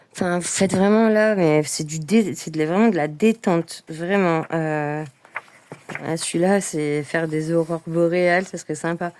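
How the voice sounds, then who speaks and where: A woman's voice: on the low side, a little mellow. A woman chatting casually in a vlog about coloring books, enthusiastic and full of fillers. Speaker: coloring book vlogger.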